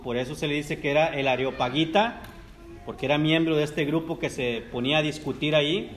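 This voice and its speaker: A man preaching a sermon in a conversational way, joking with the congregation. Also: fairly high pitch. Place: church service.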